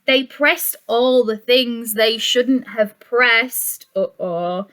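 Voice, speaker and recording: Here a woman reads a children's story slowly in a high, clear, resonant voice. As a teacher sharing a picture book with little ones, she lilts in a deliberate, expressive way, with gasps and questions for her listeners. Her animated reading includes chatty asides.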